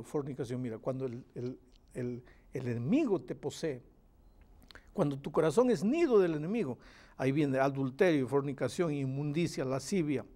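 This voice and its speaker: A man explaining scripture in a recorded Bible study. His voice sits fairly high for a man but sounds mellow and dark. He leans on repetition to drive points home. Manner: emphatic, repeats phrases for stress, reads verses aloud. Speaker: Bible teacher. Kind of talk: Bible study answering questions.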